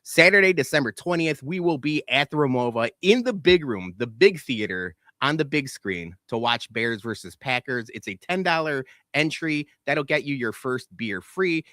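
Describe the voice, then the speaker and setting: A man's voice: medium pitch, lively intonation, moderate pace, hardly any pauses, pushed and bright, no echo. A man hosting a podcast, chatting loosely and swearing, with many restarts. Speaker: podcast host. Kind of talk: casual podcast chat.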